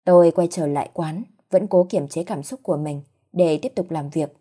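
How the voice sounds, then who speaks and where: Husky woman telling a story. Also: sits low, moderate pace, warm tone. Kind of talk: first-person story narration.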